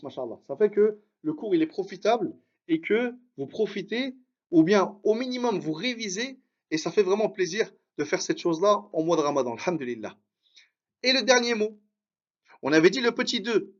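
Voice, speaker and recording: A man leads a live online Arabic reading lesson, cheering his students on while drilling syllables slowly with lots of repetition. His voice is high-pitched, and the recording sounds muffled.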